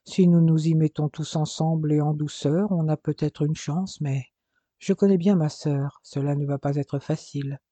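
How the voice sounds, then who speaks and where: Brief: quiet, tender wife in a storybook, warm mellow tone, dry close sound, read by a man. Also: fairly high pitch, steady tone, normal speed, no echo, lightly acted. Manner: soft, tender, fearful. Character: tender, anxious young wife and mother.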